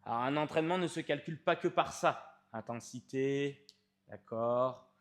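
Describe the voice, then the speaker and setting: A man's voice: medium pitch, normal speed. A man, a fitness coach explaining training to the viewer in an informal, emphatic way, stretching key words.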